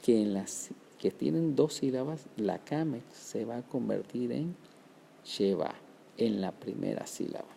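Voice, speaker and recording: A man with a dark, gravelly voice teaches a Hebrew grammar lesson. He explains each rule patiently, slows down to sound out words syllable by syllable, and keeps checking in with his listeners. A faint hiss runs behind the recording. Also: mid-range voice. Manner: explains step by step, often checks with "¿verdad?" and "¿ok?".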